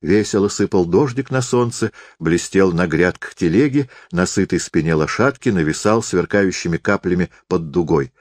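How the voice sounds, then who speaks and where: A man calmly reading a classic story aloud, with measured storytelling. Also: low-pitched, no room sound, studio quality. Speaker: narrator. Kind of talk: literary audiobook reading.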